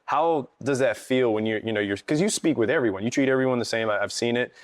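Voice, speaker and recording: A man's voice: medium pitch, quick pace, no room sound, clean studio sound. A man hosting a podcast, chatting casually and in a friendly way with his guest. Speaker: podcast host.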